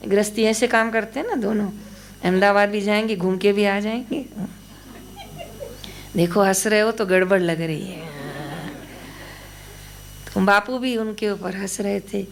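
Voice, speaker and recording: A woman's voice: medium pitch, steady tone, unhurried, pauses often, slight background noise. A woman giving a spiritual storytelling talk. She narrates anecdotes about a guru and voices the dialogue of the people in them. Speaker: devotional storyteller.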